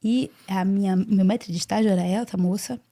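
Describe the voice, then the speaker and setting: A Brazilian woman in her forties, a podcast guest, telling her life story in an earnest, animated way and often repeating words. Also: medium pitch, brisk. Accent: Brazilian Portuguese. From Brazil (Salvador, Bahia). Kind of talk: casual interview storytelling.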